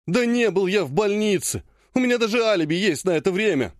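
A man's voice: high-pitched, expressive, fairly quick, no room sound, clean studio sound, pitched above the performer's own voice. Guy doing a young healer dude, whiny and teary, voice jumps all over. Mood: whining. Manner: whining, pleading, tearful.

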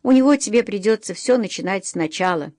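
A woman voicing a gruff middle-aged male blacksmith master in an audiobook, speaking a little hurt but encouraging. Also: medium pitch, expressive, a little fast, darkish tone, dry recording, clean studio sound, close to an everyday voice. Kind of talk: audiobook reading.

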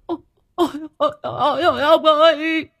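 A shrill wailing old widow. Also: male voice, steady tone, rapid-fire, vocal fry, warm tone, muffled recording. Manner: shrill sobbing lament, stammering repeats. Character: old village widow wailing over her husband's coffin.

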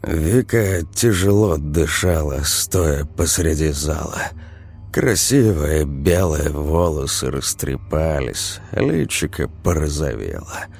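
A man reading a story aloud as a narrator, in a measured, expressive storytelling manner. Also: rumbling low, creaky. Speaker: audiobook narrator. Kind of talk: scripted narration.

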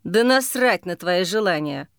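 A woman's voice: fairly low pitch, lively intonation, measured pace, fairly bright tone, clean tone, no echo, clean studio sound, voice pushed down. A woman voicing a drunk, brutal older brother who snarls crude threats, for an audiobook. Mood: contemptuous. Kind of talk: audiobook character voice.

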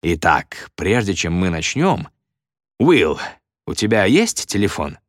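A man voicing a smug stage magician with a slow, drawn-out, mocking showman delivery in a storybook reading. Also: low voice, sing-song, no echo, clean studio sound, heavily acted.

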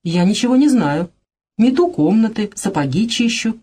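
A woman's voice: mid-range voice, lively intonation, normal speed, warm tone, breathy edge, pitched above the performer's own voice. A woman voicing a stolid, sly male house servant in a dramatized reading of a play, who talks bluntly and stubbornly plays dumb. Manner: blunt, stubborn, feigning ignorance.

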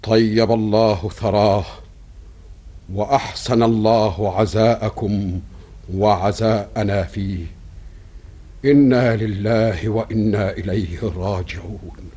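Low, husky grave sultan. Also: male voice, steady tone, slow, warm tone. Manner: solemn, dignified. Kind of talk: historical drama in classical Arabic.

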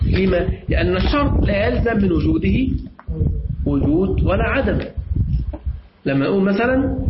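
A man with an Egyptian accent teaching a class. He explains step by step, repeats key phrases and quizzes his students. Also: high-pitched. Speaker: teacher of Islamic jurisprudence. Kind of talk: classroom lesson with questions to students. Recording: echoey, dull lo-fi room recording with clear noise.

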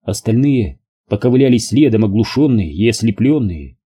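Dark husky male audiobook narrator. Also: lowish voice, lively intonation, normal speed.

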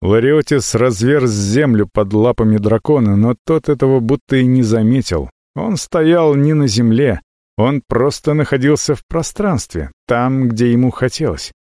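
A man reading a fantasy audiobook aloud with expressive, dramatic narration. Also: mid-range voice, normal speed, no room sound, clean studio sound.

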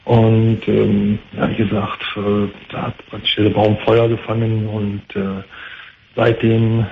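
A man in his thirties calling a talk show, giving a halting personal account over an unclean phone line. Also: lowish voice, completely flat delivery, creaky. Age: 30s. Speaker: phone-in caller. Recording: unclean tinny phone line, faint noise.

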